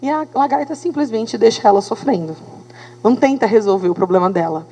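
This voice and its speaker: A Brazilian woman lectures a class of students, animated and engaging, constantly checking whether they follow. Her voice sits fairly high. The sound rings with a long hall reverb. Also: brisk, breathy edge. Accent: Brazilian Portuguese. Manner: animated, talks to students with tag questions. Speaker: teacher.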